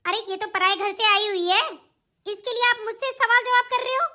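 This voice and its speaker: A woman doing Meenakshi, a sneering shrill scheming sister. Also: a little fast, bright, forceful tone. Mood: scornful. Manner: sneering, taunting, bossy. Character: scheming spiteful young woman, sister of the house. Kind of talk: cartoon voice acting.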